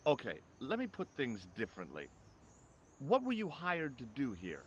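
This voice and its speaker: Wry young adventurer. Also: male voice, mid-range voice, huge pitch swings, moderate pace, dull audio, a little hiss or hum. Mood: probing. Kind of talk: video game voice acting.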